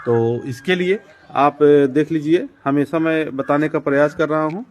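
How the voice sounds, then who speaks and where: A man's voice: on the high side, fairly even intonation, unhurried, a little mellow, a little hiss or hum. A man showing viewers around his poultry farm, explaining step by step with many fillers and repetitions. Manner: addresses viewers directly as friends and brother. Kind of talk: casual walk-through demonstration.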